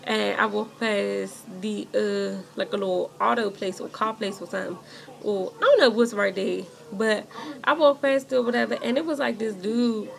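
A young beauty vlogger chats casually at home while doing her makeup, telling a rambling storytime directly to her viewers and peppering it with "like." Her voice is medium-pitched and creaky at a moderate pace, and she becomes animated when indignant.

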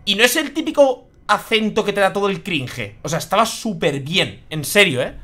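Spanish man, young adult, game streamer; lively swooping delivery, bright tense tone, swears freely. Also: sits high, moderate pace. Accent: Spain. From Spain. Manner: chatty, swears freely, reacts aloud. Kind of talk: live gameplay commentary.

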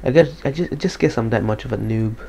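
A man giving casual live gameplay commentary, slightly depressed and monotone, swearing casually. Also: medium pitch, quick pace, gravelly. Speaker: gaming commentator.

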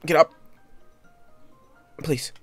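A man giving excitable let's-play commentary as host of his gaming channel, yelping and shouting at every mishap. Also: extremely slow, no echo, faint music behind.

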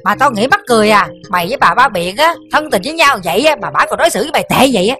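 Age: middle-aged. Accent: Southern Vietnamese. Figure: quick, sharp-tongued mother. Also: a little high, animated, soft background music. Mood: sarcastic. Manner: scolding, sarcastic. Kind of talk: TV drama acting.

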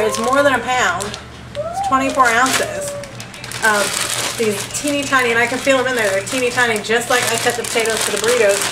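Chatty woman in an echoey kitchen. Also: a little high. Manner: rambling, chatty, thrifty. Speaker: vlogger. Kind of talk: casual grocery haul chat. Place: home kitchen, indoors. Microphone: camera mic at table distance. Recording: echoey kitchen with background noise.

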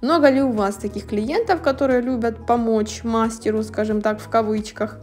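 A woman's voice: fairly high pitch, steady tone, normal speed, darkish tone, faint music behind. A woman nail technician telling stories in a casual, chatty, lightly amused voice-over. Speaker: nail technician narrating a manicure video.

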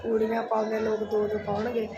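Punjabi lady narrating her vlog, highish voice, loads of background noise. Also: completely flat delivery, a little fast. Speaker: family vlogger. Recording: very noisy handheld vlog audio.

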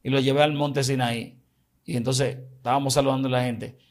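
A man's voice: medium pitch, flat delivery, brisk, a little mellow. Dominican man, emphatic storyteller, casual faith podcast talk. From Dominican Republic. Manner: emphatic, explanatory, tells anecdotes. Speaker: evangelist podcast guest.

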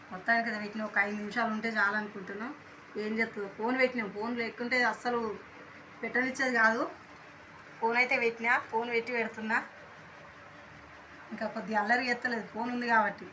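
A woman's voice: a little high, pushed and bright, a little hiss or hum. A young woman, chatting through a casual home vlog, rambling with many fillers while she has a stuffy cold and sore throat. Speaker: vlogger and mother.

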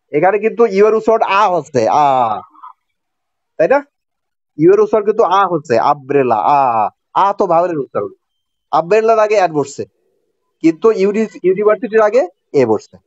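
A male teacher with a Bangladeshi accent leads a grammar lesson, brisk and animated yet pausing often. His pitch is fairly high, and he repeats each rule while regularly checking that the class is with him. The recording is dry and slightly muffled.

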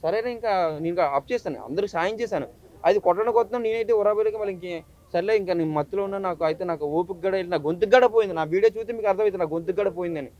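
A man gives an impassioned account at a press meet. His voice is high and he talks very fast and urgently. The audio is dull and muffled. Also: darkish tone. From Visakhapatnam, India. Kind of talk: emotional press statement.

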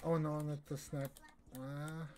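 Here a young man from Austria narrates his game stream in a relaxed way, his native German carrying an Austrian accent. His voice sits a little high, stays fairly level in pitch, sounds slightly mellow, and unfolds slowly. You can clearly hear keyboard and background noise.

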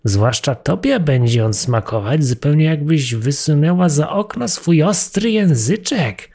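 Guy voicing a smug greedy cat, slow and gravelly, sly. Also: on the high side, expressive, a little mellow, voice pushed up. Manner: sly, coaxing tone. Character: greedy sly tomcat, smooth-talking then menacing.

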